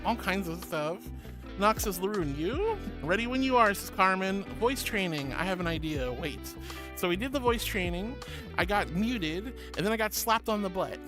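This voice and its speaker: With background music underneath, a woman streamer in a mid-range voice chats casually with viewers. Giggly and playful, she reads their comments out and addresses them as darling, honey and sweetie.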